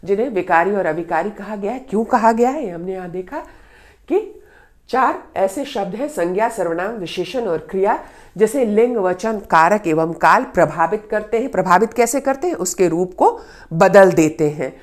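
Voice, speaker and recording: A woman's voice: medium pitch, expressive, normal speed. A woman teaching Hindi grammar in a patient lesson, repeating her example sentences and stressing the key words. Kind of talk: explanatory lesson.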